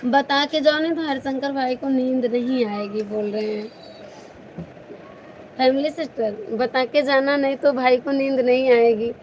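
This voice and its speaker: Playful high-voiced woman live-streaming. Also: steady tone, unhurried, darkish tone, slight background noise, rough recording. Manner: playful, teasing, laughs often. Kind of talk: casual live stream chat.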